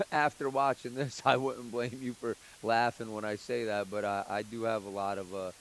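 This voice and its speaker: Animated, cursing pool player man. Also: on the low side, a little hiss or hum, poor audio. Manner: animated, swearing, talks fast when excited. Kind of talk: casual phone interview.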